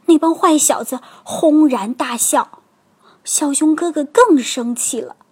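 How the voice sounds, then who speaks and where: A woman reading a children's storybook aloud, slow and expressive. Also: sits high. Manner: slow, expressive, clearly paced.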